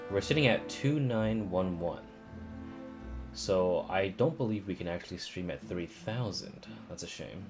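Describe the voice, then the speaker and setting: A game streamer with a deep, expressive voice chats casually and reads game text aloud at an unhurried pace. Music plays behind him throughout.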